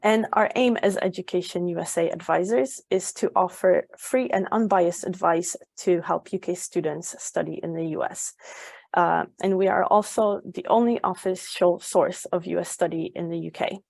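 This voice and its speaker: A young woman from Poland presents a study-abroad webinar as an advisor, her lowish voice carrying a gravelly edge. She explains things step by step and fills her pauses with ums and uhs. The recording is dry and close. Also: darkish tone, dry recording. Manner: frequent ums and uhs, informative. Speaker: education advisor.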